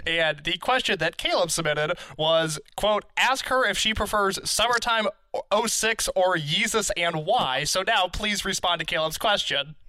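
High, bright-voiced male podcast host. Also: unhurried, no room sound. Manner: wry, joking, chatty. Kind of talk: casual interview chat.

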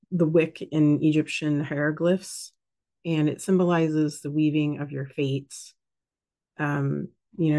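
A woman's voice: low-pitched, vocal fry, warm tone. A woman hosting a casual spiritual talk, rambling with many fillers and restarts. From United States. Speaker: host.

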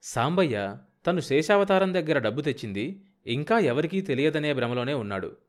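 A man narrating a novel as an audiobook in a steady, measured way. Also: fairly high pitch. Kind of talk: novel reading.

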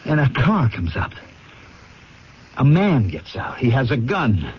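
An actor playing an irritable, troubled husband in a radio drama, testy and agitated, on a muffled old recording. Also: male voice, medium pitch, huge pitch swings, slow, breathy edge, heavily acted. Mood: uneasy, weary.

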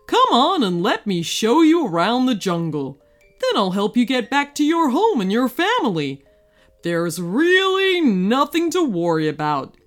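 A woman voicing a friendly male talking leopard who guides children through a jungle, speaking in a calm, reassuring way. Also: on the high side.

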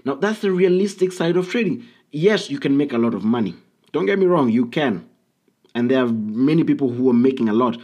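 A man's voice: medium pitch, animated, brisk, darkish tone. Man, podcast host, casual monologue, blunt, emphatic, filler-heavy, mid-range voice. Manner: blunt, emphatic, with frequent ums and uhs.

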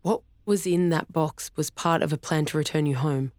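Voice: medium pitch, moderate pace, a little mellow, no room sound, close to an everyday voice. A narrator voicing an earnest, protective young woman who explains things plainly, in a dry recording.

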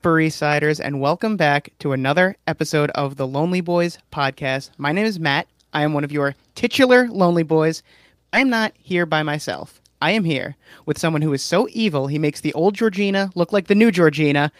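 A man's voice: on the high side, a little fast, dry recording. Dry, close-sounding male podcast host. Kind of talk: casual chat.

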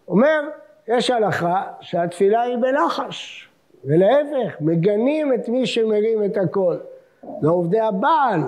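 A man with a high-sitting, darkish voice delivers a Torah lecture before Selichot. He expounds old texts and quotes verses, his emphasis rising as he reads them.

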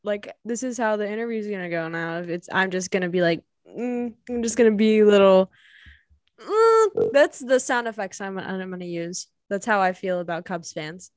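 A woman's voice: mid-range voice, lively intonation, normal speed, no echo. A woman from the Chicago suburbs hosting a casual podcast interview, chatty and teasing, often laughing. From Illinois, Chicago suburbs. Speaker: podcast host.

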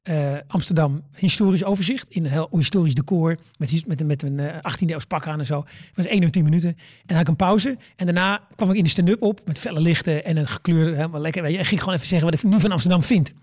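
A man's voice: on the high side, quick pace, hardly any pauses, a little mellow, no echo, clean studio sound. A middle-aged man, a stand-up comedian, telling stories in casual chat, stammering and restarting and acting out what he said. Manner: stammering restarts, repeats words; acts out his own quoted words.

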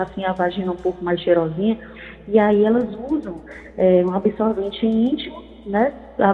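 A woman gynecologist giving medical advice over the phone on a call-in radio show, explaining things step by step. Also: mid-range voice. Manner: explanatory, frequent tag questions. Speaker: gynecologist guest. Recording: tinny phone line with reverb.

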